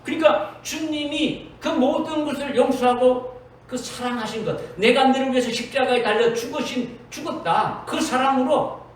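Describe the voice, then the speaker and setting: With a very high-pitched voice at a moderate pace, a man preaches in a church sanctuary as pastor, repeating himself emphatically and often quoting Jesus in direct speech. Faint noise accompanies the distant, echoey church-hall recording.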